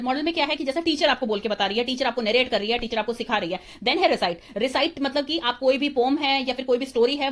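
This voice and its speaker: Fast-talking woman giving a revision lecture. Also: sits high, fairly bright tone. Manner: rapid, explanatory, mixing Hindi and English terms. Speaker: teacher-training tutor.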